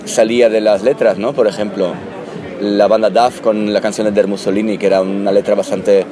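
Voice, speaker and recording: A man born in Italy, a musician answering interview questions in a halting, thoughtful way with many restarts. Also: lowish voice, flat delivery, a crowd in the background. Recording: loud music behind. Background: loud music.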